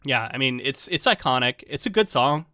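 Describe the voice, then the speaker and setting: This man co-hosts a podcast, chatting loosely and with energy, restarting often and dropping lots of ums, his voice slightly congested. He speaks at a moderate pace with a medium pitch, and the studio sound is dry and clean.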